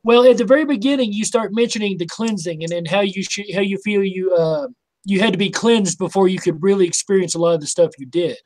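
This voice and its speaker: A man hosting an interview show, asking questions in a halting way and rephrasing them as he goes. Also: high-pitched, darkish tone.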